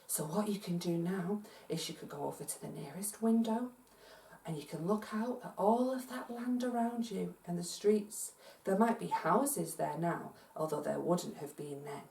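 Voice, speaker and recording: This Scottish woman's voice is lowish and creaky, at normal speed, as she animatedly leads a multi-sensory, interactive story for children and encourages listeners at home to join in. She's far from the mic, with roomy echo and a little hiss or hum.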